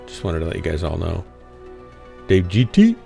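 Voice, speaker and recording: A man's voice: low-pitched, huge pitch swings, moderate pace, creaky, warm tone, soft background music. A man hosting a live game stream, chatting casually in a joking, drily teasing way. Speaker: streamer and host.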